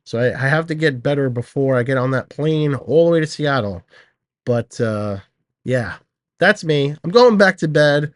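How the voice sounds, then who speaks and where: A man's voice: mid-range voice, animated, moderate pace, dry recording, studio quality. A man hosting a casual screen-share product teardown, chatting straight to viewers while sick and a little out of breath. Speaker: host.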